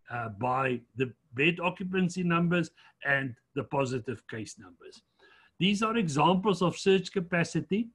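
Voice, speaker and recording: A man presenting slides in a lecture, measured but fairly quick, with frequent fillers. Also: on the high side, husky.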